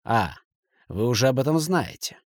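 A man's voice: mid-range voice, very animated, normal speed, no room sound, studio quality, natural voice. A man reading an audiobook, voicing a nervous, spiteful banker who snaps back tensely.

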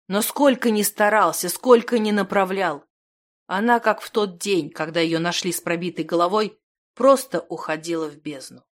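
A woman reads a fantasy audiobook aloud. Her narration is steady and measured, with a voice of middle pitch. She tells the story in first person. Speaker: audiobook reader.

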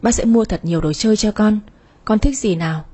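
A woman's voice: mid-range voice, fairly quick, mellow, husky, natural voice. A woman voicing a kind, generous female company director who speaks in a caring, motherly way in an audio story.

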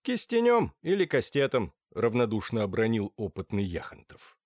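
A man narrating an audiobook in an even, measured storytelling manner. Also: fairly low pitch, no room sound, studio quality. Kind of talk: scripted narration.

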